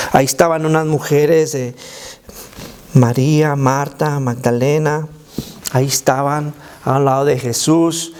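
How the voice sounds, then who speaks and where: A man who is a children's pastor, telling a Bible story to kids in an animated, emphatic way and slipping English words into his Spanish. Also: medium pitch, vocal fry. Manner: animated and emphatic, inviting listeners to imagine.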